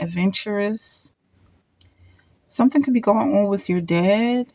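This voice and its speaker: A woman giving a casual pick-a-card tarot reading, thinking aloud with halting restarts and repeated words. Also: medium pitch, a little mellow, slight background noise.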